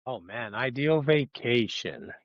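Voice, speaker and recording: A man's voice: mid-range voice, lively intonation, takes it slowly, no echo, dull audio. A man from Puerto Rico, a band member guest, chatting casually and joking on a podcast. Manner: laid-back, joking, says "man" and "baby".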